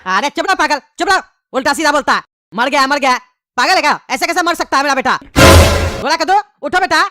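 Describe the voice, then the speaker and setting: A woman's voice: high voice, animated, fast talker, very noisy. A woman voicing an exasperated cartoon father who keeps scolding his sons. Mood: angry. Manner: scolding, impatient.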